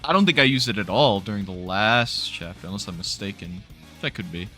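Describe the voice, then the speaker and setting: A young man giving casual, animated let's-play commentary, laughing and swearing often while playing. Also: fairly low pitch, brisk, soft background music. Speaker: gaming YouTuber. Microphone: new studio mic.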